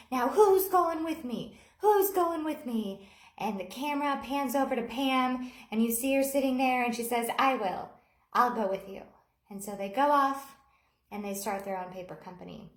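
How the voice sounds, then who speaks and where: Earnest woman in her forties, echoey room. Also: fairly high pitch. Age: 40s. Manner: earnest, candid storytelling. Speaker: motivational speaker. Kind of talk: casual motivational vlog. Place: home office.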